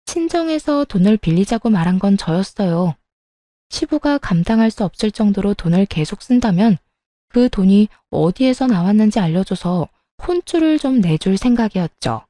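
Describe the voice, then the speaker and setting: Female narrator, calm confiding storytelling, mellow warm tone, dry close recording. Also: medium pitch, moderate pace, no echo. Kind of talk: scripted first-person story narration.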